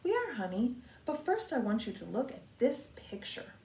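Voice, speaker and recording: A woman's voice: fairly high pitch, sing-song, normal speed, a little mellow. A woman reading the part of a kind, encouraging grandmother in a children's storybook, reassuring and plain-spoken. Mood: fond, chatty. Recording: roomy echo, distant mic, faint noise.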